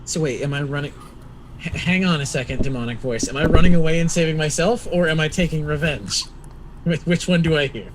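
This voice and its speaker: A man chatting casually as a player in a tabletop game, halting as he thinks aloud. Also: on the high side. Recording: faint background noise.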